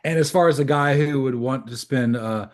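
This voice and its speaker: A man's voice: mid-range voice, moderate pace. A man co-hosting a sports podcast, chatting in a jokey, casual way and laughing often. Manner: jokey, laughs often, playful quoted voices. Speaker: podcast co-host.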